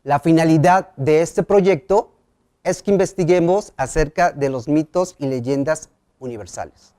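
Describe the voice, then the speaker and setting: Slow, mellow teacher. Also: male voice, on the high side. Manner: slow, clear, asks the class questions. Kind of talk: televised school lesson.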